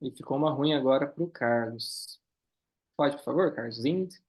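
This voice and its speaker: A man teaching a German class, reading lines slowly and then explaining them quickly. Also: medium pitch, a little mellow. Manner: switches between slow careful German and quick explanations. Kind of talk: online class, reading dialogue and translating.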